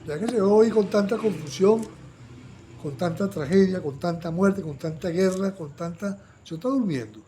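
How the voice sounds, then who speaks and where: A man teaching a Bible study sermon, animated and often asking his listeners to agree, acting out quoted lines in a raised voice. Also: high-pitched, moderate pace, slight background noise.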